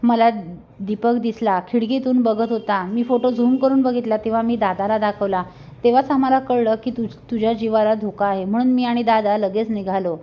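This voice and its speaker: A woman's voice: fairly high pitch, fairly even intonation, normal speed, dull audio, natural voice. A woman reading the lines of a remorseful, protective young husband, in a pleading and firm manner. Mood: gentle. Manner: pleading, then stern and protective.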